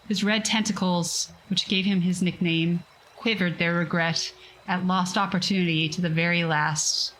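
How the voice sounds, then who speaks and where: A woman's voice: fairly low pitch, a bit bright, slight background noise, poor audio. A woman hosting a casual reading stream, reading a sci-fi story and chatting with viewers in self-deprecating asides. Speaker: streamer reading a book aloud.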